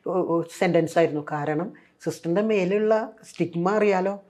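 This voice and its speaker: Speaking at normal speed in a lowish voice, this older woman from Kerala recounts her life conversationally as an interviewee, a former nun with a Malayalam accent. She's animated, voicing the words of others herself and leaning on frequent fillers.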